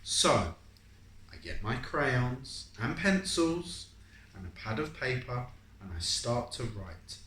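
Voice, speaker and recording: Very animated and a bit bright, a mid-range adult voice reads slowly from a picture book to a young child, stretching out story phrases. Guiding questions are asked and answers confirmed in an encouraging way. The setting is an echoey room at home, so the audio has roomy echo and some background noise.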